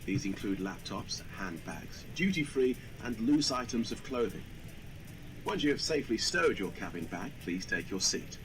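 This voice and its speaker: A man giving a formal, measured airline cabin announcement over a public-address loudspeaker. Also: on the low side, very animated. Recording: distant loudspeaker with loud cabin noise.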